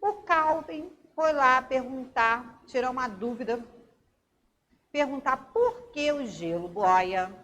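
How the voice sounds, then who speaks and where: A Brazilian woman teacher giving a recorded class to young children, explaining slowly and reading example sentences with dramatic intonation. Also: high-pitched. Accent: Brazilian Portuguese. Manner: expressive and sing-song, reading examples aloud with dramatic intonation.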